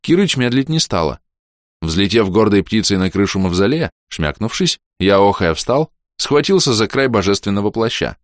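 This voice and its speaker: A man reading a first-person audiobook in a lively, ironic manner. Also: on the low side, normal speed, no room sound, clean studio sound. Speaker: audiobook narrator.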